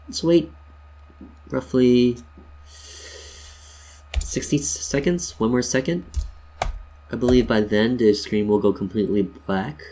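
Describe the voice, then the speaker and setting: A man with a lowish, slightly mellow voice leads a casual screen-share tutorial. Playful and full of jokes, he calls his viewers "you guys" and talks them through each step like a friendly chat.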